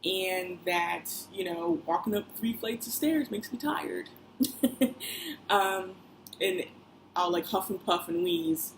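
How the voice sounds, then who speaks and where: A woman's voice: fairly low pitch, takes it slowly, low-quality recording. A young woman vlogging in a chatty, rambling way, full of fillers and side remarks. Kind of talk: casual personal vlog. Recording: faint background noise.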